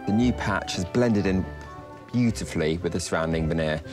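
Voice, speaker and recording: Low-voiced British man explaining repairs. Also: normal speed, over loud music. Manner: calm, matter-of-fact step-by-step explanation. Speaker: furniture restorer. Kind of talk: explaining his repair work to camera. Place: large wooden workshop, indoors.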